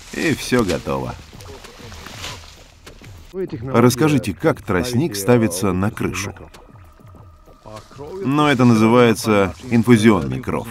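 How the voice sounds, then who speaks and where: Low-voiced man in lively interview voice-over.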